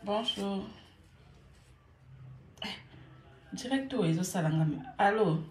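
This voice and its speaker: Woman, live-stream host, slow and repetitive, roomy echo. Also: medium pitch, darkish tone, a little hiss or hum. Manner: repeats words over and over, mixing French and Lingala. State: a little irritated. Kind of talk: casual live-stream monologue.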